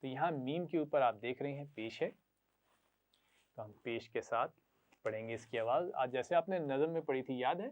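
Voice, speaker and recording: A man's voice: medium pitch, darkish tone. A man teaching children Quran reading, patiently sounding out syllables for them to repeat and praising them often. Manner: patient, repeats syllables slowly for pupils to echo; frequent praise. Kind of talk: classroom lesson to children. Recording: tinny phone-like sound.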